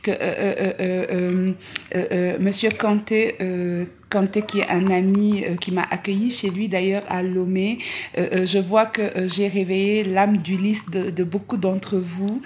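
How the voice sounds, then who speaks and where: A woman speaks to her followers on a live travel vlog. She talks at a middle pitch and stops often, with a stream of fillers and repeated words. A faint hiss sits behind her. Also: level tone, unhurried, darkish tone. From Senegal. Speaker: travel vlogger.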